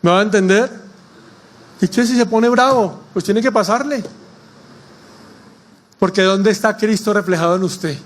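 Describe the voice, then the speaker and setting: A man's voice: high voice, normal speed, long pauses. A man, a pastor preaching a sermon, posing rhetorical questions to the congregation and mixing in folksy anecdotes and humor.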